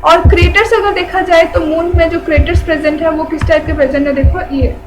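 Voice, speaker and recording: A woman's voice: very high-pitched, fairly even intonation, brisk, over music, poor audio. A woman teaching a general-knowledge lesson, who repeats key terms and asks and answers her own questions.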